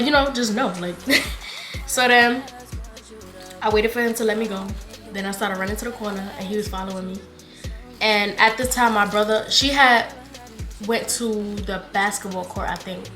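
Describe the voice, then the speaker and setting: A woman's voice: mid-range voice, reverberant. A woman in her twenties, a vlogger telling a story in casual, slangy chat and acting out the dialogue. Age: 20s. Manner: animated, slangy, retelling with quoted dialogue.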